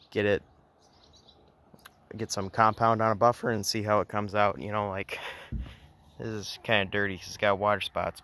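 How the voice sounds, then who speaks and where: Relaxed man rambling through a car walkaround. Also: on the low side, clean tone. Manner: relaxed, rambling, with fillers and restarts. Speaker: car restoration vlogger. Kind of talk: casual walkaround narration. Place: outdoors on a grassy yard beside a car.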